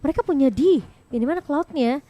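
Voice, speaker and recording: Very high-pitched female esports caster. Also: animated, brisk, warm tone, no echo, lo-fi sound. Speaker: esports shoutcaster. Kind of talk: live mobile game match commentary.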